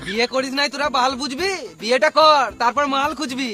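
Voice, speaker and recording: A man's voice: very high voice, fast talker. A man playing a crude, bossy village drinker in a comedy skit, bantering in a rural West Bengal accent. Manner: coarse, bantering, swearing. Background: music.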